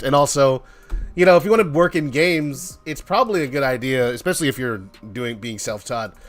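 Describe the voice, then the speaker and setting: This man's voice sits at medium pitch with a fairly bright tone as he hosts a game developer's livestream with music playing underneath. His chat is loose and rambling, full of jokes and small made-up back-and-forths.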